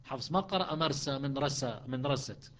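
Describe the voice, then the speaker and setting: A man patiently teaching the variant readings of Quran recitation, explaining methodically with frequent pauses and restarts. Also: medium pitch, fairly bright tone. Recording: dull lo-fi recording.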